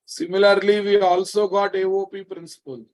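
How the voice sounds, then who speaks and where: High-voiced Telugu-accented man teaching programming. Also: little pitch movement, moderate pace, darkish tone, low-quality recording. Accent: Telugu Indian. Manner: repetitive, questioning, scolding familiar address to students. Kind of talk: live lecture to students.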